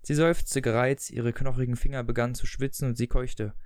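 A man's voice: medium pitch, level tone, fairly quick, a little mellow, clean tone, dry recording, studio quality. A man chatting casually about a story collection, with loose restarts, then reading an excerpt aloud. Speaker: book reviewer.

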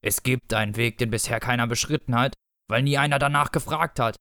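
A man voicing Death as a grumpy, bony, irritable grim reaper who speaks slowly and gruffly in a storybook reading. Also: medium pitch, sharp tone, dry recording, studio quality. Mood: gruff grudging. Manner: slow, grinding, gruff.

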